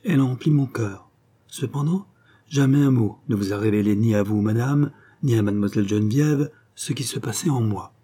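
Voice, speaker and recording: A man's voice: medium pitch, a little fast, mellow, breathy edge, lightly acted. A man reading aloud, voicing a sincere, solemn young man declaring his love in a storybook.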